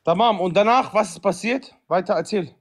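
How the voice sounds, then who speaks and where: Slight background noise accompanies this high-pitched man in his thirties, who talks a little fast. Livestreaming indoors in a living room with his phone held at arm's length, he banters with viewers in slangy, repetitive calls.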